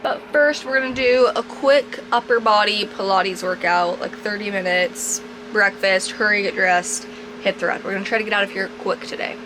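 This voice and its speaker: A woman's voice: medium pitch, normal speed. A woman vlogging her road trip in casual chat, filling her talk with "like" and openly emotional, recorded around a camper and outdoors. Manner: chatty, fillers of "like". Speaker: travel vlogger. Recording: outdoor background noise.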